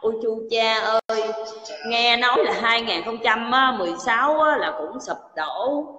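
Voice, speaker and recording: A woman's voice: fairly high pitch, normal speed, fairly bright tone. A woman hosting a casual livestream, teasing and mockingly questioning a caller. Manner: teasing, mocking, repeatedly asking back. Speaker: livestream host. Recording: echoey roomy sound with faint noise.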